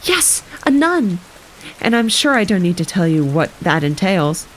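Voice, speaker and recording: A woman reading the part of a gentle, eager older woman in a novel reading. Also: on the low side, very animated, unhurried, slight background noise. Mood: mild.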